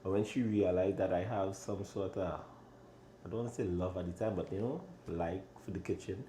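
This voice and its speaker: A Trinidadian man in his thirties with a very low, deep voice talks in an easygoing way, laughing often. The room is echoey, and there is a faint hum of background noise. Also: steady tone, a little fast, mellow. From Trinidad and Tobago. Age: 30s. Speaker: chef and restaurant owner. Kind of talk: casual interview chat.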